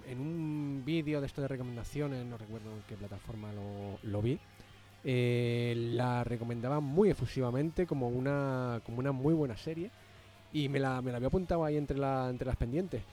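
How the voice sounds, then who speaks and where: A man's voice: mid-range voice, moderate pace, mellow, faint music behind. A man chatting casually about series, speaking hesitantly with frequent restarts.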